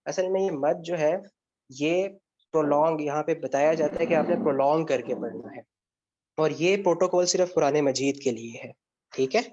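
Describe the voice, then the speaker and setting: A man with a fairly high, slightly mellow voice teaches Arabic grammar online, fielding student questions. Step by step, he lays things out, often asking something aloud and then answering it; the recording sounds dull and lo-fi.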